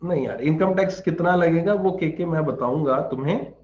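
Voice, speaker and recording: A man's voice: on the high side, moderate pace, dull audio. A man teaching a live online class, answering viewers' questions in a chatty, joking way and explaining patiently.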